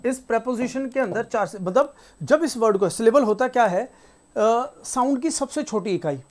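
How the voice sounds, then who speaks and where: Lady teacher going over spelling rules, reads the rules out slow, repeats the words, keeps saying ok?. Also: on the high side, animated, darkish tone. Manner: casual, conversational teaching with frequent checks like "theek hai". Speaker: English teacher. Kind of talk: classroom-style explanation.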